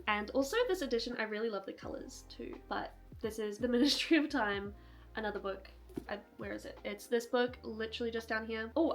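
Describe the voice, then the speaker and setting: A young woman chatting casually and rambling through a book haul, laughing often. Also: on the high side. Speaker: book vlogger. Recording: soft music behind.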